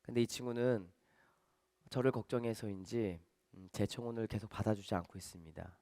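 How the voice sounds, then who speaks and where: A man's voice: on the low side, fairly quick, dark tone, dry recording, voice pushed down, natural voice. A man voicing a young man who is making a subdued, solemn plea to win over his dying girlfriend. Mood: solemn pleading. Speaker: audience member at a magic show.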